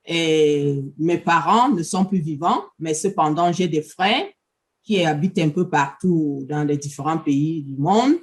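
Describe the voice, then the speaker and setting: A woman's voice: low-pitched, measured pace. Middle-aged woman guest from Cameroon, polite, hesitant, lots of fillers. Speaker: interview guest. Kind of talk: interview answers.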